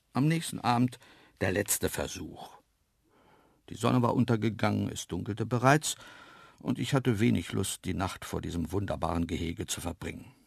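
A narrator reading a children's story aloud in a lively, wry, self-mocking way. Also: low voice, gravelly, slightly rough, no echo, clean studio sound. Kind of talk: audiobook storytelling.

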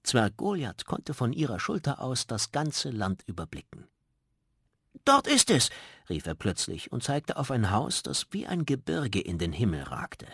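A man reading a children's story aloud with lively storytelling, close to a studio mic. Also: medium pitch, moderate pace, hardly any pauses, breathy edge, dry recording. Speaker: reader. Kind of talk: scripted children's story narration.

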